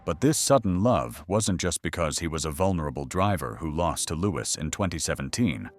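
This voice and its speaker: A deep-voiced man delivers scripted documentary narration with a dramatic, teasing edge. His pitch swings widely as he tells the story, and soft music sits under his voice. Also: lively intonation, fairly quick.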